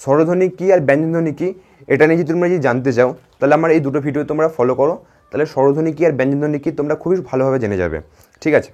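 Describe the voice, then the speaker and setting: A man's voice: on the high side, rapid-fire, darkish tone. A man teaching a grammar lesson to children, repeating points and asking if they follow. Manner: repetitive, checks in with "ঠিক আছে?" often.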